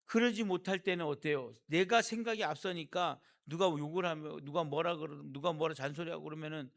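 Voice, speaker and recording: A man's voice: a little high, brisk, vocal fry, fairly bright tone. A male pastor from South Korea giving a sermon, talking with the congregation and asking them rhetorical questions.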